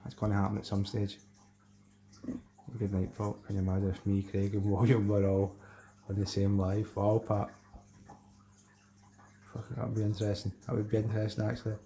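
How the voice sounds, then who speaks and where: This man from Glasgow, Scotland, speaks briskly in a lowish, dark voice with little pitch movement and long pauses, and the recording is rough. Chatting casually on a fishing live stream, he answers viewer messages in a matey, rambling way, full of colloquial Scots.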